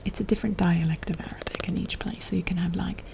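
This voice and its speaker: A woman with an American accent whispers softly in a casual ASMR chat, rambling and haltingly searching for her words. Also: on the low side, steady tone, vocal fry. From United States. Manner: soft, unvoiced whispering. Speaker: ASMR creator and host.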